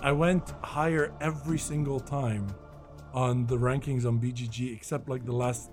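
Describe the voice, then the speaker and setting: A man's voice: medium pitch, steady tone, moderate pace, music in the background. A man co-hosting a board game podcast, chatting in a casual, teasing way and laughing often. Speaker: podcast co-host. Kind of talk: casual chat, game show banter.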